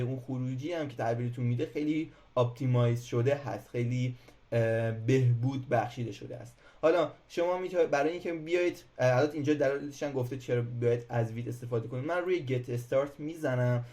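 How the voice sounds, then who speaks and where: This programming instructor speaks in a warm, medium-pitched voice during a casual screen-recorded tutorial. His delivery is hesitant, full of filler sounds and restarts.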